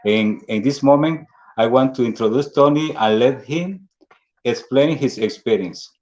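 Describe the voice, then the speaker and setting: A man in his forties from El Salvador who speaks Spanish natively, giving an earnest personal speech in halting English with a Salvadoran Spanish accent. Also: medium pitch, a little mellow. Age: 40s. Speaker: speaker at a fundraising dinner. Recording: dull lo-fi audio.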